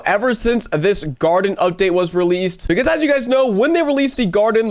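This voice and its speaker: High-voiced, stuffy-nosed man hosting gameplay. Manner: chatty, upbeat, addresses viewers directly. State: stuffy nose from a cold. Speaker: gaming channel host. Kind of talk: gameplay commentary.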